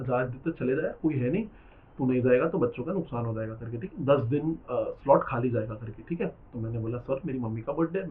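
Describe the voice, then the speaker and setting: A young man, a chatty, teasing lecturer telling a story to his class and slipping into English phrases. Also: medium pitch. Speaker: accounting exam lecturer. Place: classroom with students. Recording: tinny phone-like lecture recording.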